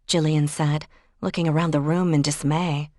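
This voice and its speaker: A woman audiobook narrator reading a cozy mystery novel in a measured storytelling manner. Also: sits low, fairly even intonation, a little mellow, dry recording, clean studio sound.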